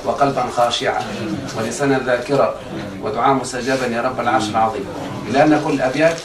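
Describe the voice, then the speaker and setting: Egyptian guy teaching grammar to students, quick talker, keeps asking do you get it, sounds far off in an echoey room. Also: medium pitch, fairly even intonation, crowd noise. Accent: Egyptian Arabic. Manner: keeps quizzing students, asking if they follow. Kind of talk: religious grammar lesson. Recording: echoey room, far from the mic, faint noise.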